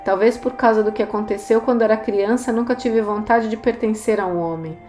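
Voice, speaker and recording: A woman reading the lines of a frank, dry older priestess in an audiobook, speaking in a measured way. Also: a little high, steady tone, darkish tone, lightly acted. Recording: roomy echo, faint music.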